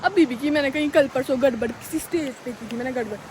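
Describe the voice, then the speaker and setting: Young woman vlogger, high voice, casual and self-mocking, phone mic outdoors with light traffic noise. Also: fast, darkish tone, low-quality recording. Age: young adult. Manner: chatty, self-mocking, dramatic. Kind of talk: casual vlog talk. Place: outdoors on a road.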